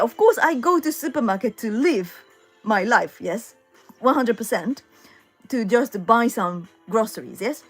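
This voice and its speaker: A middle-aged woman from Japan with a Japanese accent hosts a casual livestream chat from home, reading out viewer comments and answering them. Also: mid-range voice. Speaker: livestream host and singer. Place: home in London.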